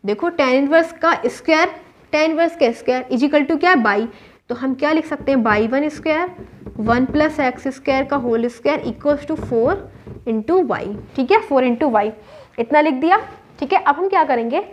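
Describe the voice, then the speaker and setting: A woman's voice: sits high, a little slow. A woman maths teacher with an Indian accent, explaining a whiteboard lesson step by step and asking and answering her own questions. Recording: dull lo-fi recording.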